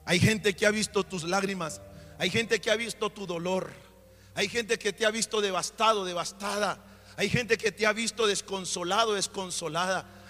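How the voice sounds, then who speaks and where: Male preacher, high voice, fervent cadenced sermon, reverberant hall, music bed. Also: fairly even intonation, normal speed, pushed and bright. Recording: long reverb with music underneath.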